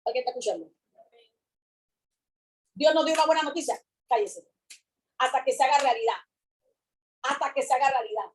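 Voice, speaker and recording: A woman preaching a sermon with fervor, repeating her phrases and swinging between loud calls and hushed words. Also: high-pitched, a little fast, long pauses, poor audio.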